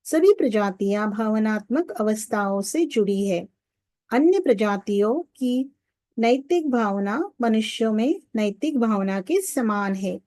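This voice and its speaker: Mellow-voiced woman reading a spiritual audiobook. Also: on the high side, animated, unhurried, dry recording. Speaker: audiobook narrator. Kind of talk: scripted spiritual audiobook narration.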